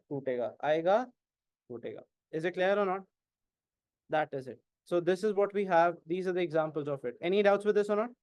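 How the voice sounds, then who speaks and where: A man with an Indian English accent teaching an exam-prep class, mixing Hindi and English and often asking whether it is clear. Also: a little high, darkish tone, dry recording. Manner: keeps asking "is it clear?", questions and answers his own prompts.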